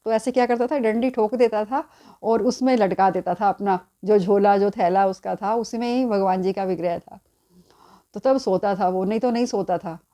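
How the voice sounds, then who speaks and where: A woman tells a devotional story, repeating lines for emphasis. Her voice is mellow and warm, at a middling pitch. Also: moderate pace.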